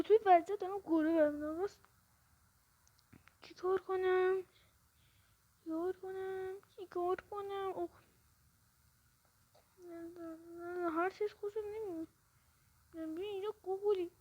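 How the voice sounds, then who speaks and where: Jumpy high-voiced woman gaming. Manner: jumpy, panicky, repeats questions to herself. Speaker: gameplay video host. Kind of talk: casual horror game commentary. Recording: muffled lo-fi recording.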